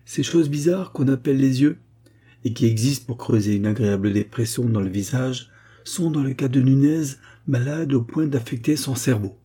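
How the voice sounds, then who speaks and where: A man's voice: mid-range voice, normal speed, mellow, husky, voice pushed up, natural voice. A man reading aloud, voicing a pompous old blind village doctor who lectures with confident authority. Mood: lecturing. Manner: self-assured, lecturing.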